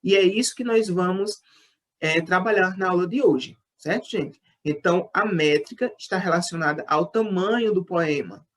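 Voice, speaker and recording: A woman's voice: lowish voice, moderate pace. A woman teacher with a Brazilian Portuguese accent, patiently explaining a lesson and counting syllables aloud. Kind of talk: online class lesson.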